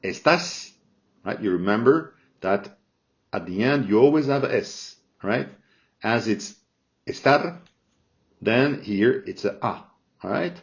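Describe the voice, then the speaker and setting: A man teaches a grammar lesson at an unhurried, careful pace, checking in with his listeners after each point. His voice sits at an ordinary middle pitch. The recording is dull and a little lo-fi. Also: expressive. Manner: slow, patient, checks in with "all right?" often. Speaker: Spanish teacher. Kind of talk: language lesson explaining grammar. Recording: dull lo-fi sound.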